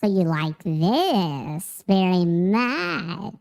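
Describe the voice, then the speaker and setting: A man talking through a high-pitched chipmunk voice-changer effect, joking around on his weather stream as a little chipmunk. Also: sing-song, drawn-out words, vocal fry, a little mellow, heavily acted. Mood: playful. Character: squeaky little male chipmunk.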